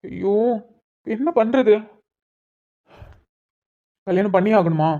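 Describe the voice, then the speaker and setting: A woman's voice: mid-range voice, slow, dark tone, highs cut off. A woman voicing a young man, a would-be police officer who teases and coaxes his tearful sweetheart in a cartoon love story. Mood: chiding. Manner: affectionate teasing, coaxing. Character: young man, police aspirant, teasing but tender fiancé. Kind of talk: cartoon voice acting.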